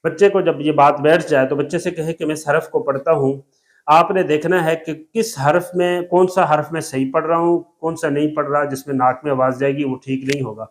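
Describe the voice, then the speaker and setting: A man with a Pakistani Urdu accent teaching Quran recitation, drawing out single letters slowly and explaining patiently. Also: a little high, steady tone. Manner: slow drawn-out letter demonstrations, patient explaining. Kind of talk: explanatory tajweed lesson.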